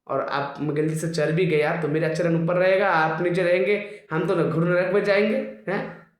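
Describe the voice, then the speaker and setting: A man's voice: high voice, fairly even intonation, moderate pace, lightly acted. A man voicing a humble, fretful elderly male devotee who protests and pleads, recorded in an echoey room. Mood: pleading.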